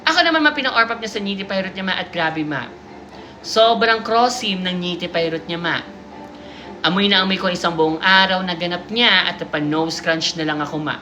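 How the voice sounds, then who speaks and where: A woman's voice: lowish voice, normal speed, sharp tone. Playful woman reading confessions with music. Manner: playful, teasing asides and giggles between passages. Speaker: livestream host reading listener stories. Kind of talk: reading a submitted confession aloud with live commentary.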